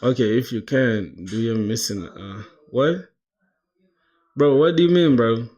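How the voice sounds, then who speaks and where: A man's voice: medium pitch, unhurried, a little mellow. A man in his twenties from South Sudan, chatting casually on a coding live stream, dropping "bro" into nearly every line and reading chat aloud. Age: 20s. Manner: slangy, says "bro" constantly, laughs, reads chat aloud. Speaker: livestreamer coding toward a job.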